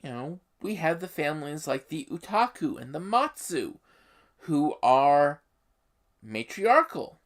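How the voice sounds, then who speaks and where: A YouTube host with a medium-pitched, sing-song voice explains a game setting emphatically, speaking haltingly with pauses.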